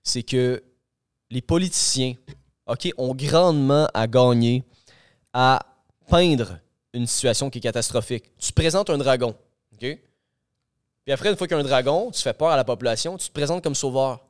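A man's voice: medium pitch, normal speed, pauses often, clean tone, no room sound, studio quality. A man with a Québécois accent co-hosting a podcast, arguing his point in a loose, filler-heavy way. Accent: Québécois French. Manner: argumentative, loose, full of fillers like "là" and "ok". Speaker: podcast co-host. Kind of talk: casual podcast discussion.

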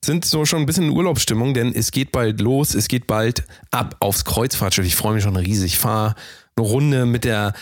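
A man's voice: medium pitch, moderate pace, no echo, studio quality. A man co-hosting a podcast in joking, casual chat, with playful mock-announcer flourishes. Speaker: podcast co-host.

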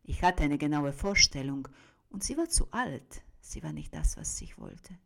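A woman giving a dramatic reading of a first-person monologue. She drops into hushed whispers and then breaks out loudly, with a rhythmic, drum-like way of phrasing. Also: low-pitched, huge pitch swings, normal speed, gravelly. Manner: swings between hushed whispers and sudden loud outbursts.

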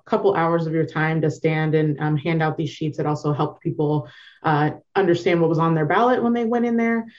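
A woman from Northern Virginia in the United States, with an American accent, shares personal stories as an interview guest in an informal, reflective, conversational way. Her voice is on the low side with a darkish tone, and the audio sounds dull.

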